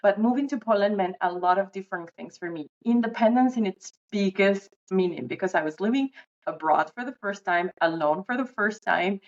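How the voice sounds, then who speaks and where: A Venezuelan woman in her thirties co-hosts a casual podcast, explaining things in a relaxed way at a slightly fast pace. Her voice is mid-pitched, and the recording comes across a bit dull and lo-fi.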